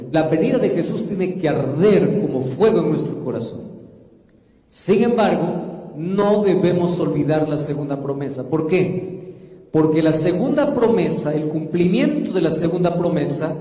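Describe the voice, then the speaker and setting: A male pastor delivering a sermon, slowing down to stress key phrases. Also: on the high side, mellow. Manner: slow emphatic preaching, leans on key phrases. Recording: echoey hall, reverberant.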